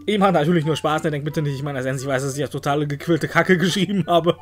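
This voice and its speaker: A man's voice: on the high side, quick pace, faint music behind. A man hosting a let's play, joking with the game characters and letting out silly exclamations. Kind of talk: playful gameplay commentary.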